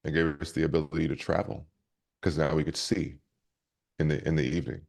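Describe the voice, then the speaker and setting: A man's voice: extremely low pitch, little pitch movement, a little fast, creaky, a little mellow. A man who is a leadership coach and speaker, telling stories energetically in an interview with many restarts. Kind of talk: conversational interview storytelling.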